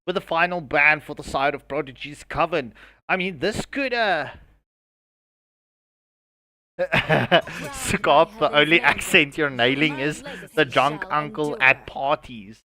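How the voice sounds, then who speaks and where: A South African man calls a live esports match with a bright, ringing tone and a slow, drawn-out delivery. His voice sits a little high for a man and sounds close and dry, and he jokes about himself and laughs between the calls. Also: no echo. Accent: South African English. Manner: jokey and self-mocking, laughs between calls. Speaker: esports caster.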